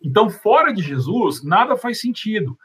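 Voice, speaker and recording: A Brazilian man with a fairly high, somewhat raspy voice speaks as a panelist on faith. He teaches conversationally, explaining his points step by step with everyday examples. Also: big pitch swings, moderate pace, fairly bright tone. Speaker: panelist answering questions on faith.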